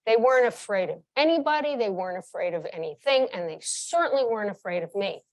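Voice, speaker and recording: A woman in her sixties from New York, United States, speaks fast and animatedly at a medium pitch, though the recording quality is low. A former chief executive, she tells frank, vivid anecdotes from her career in a candid interview, leaning on emphatic repetition.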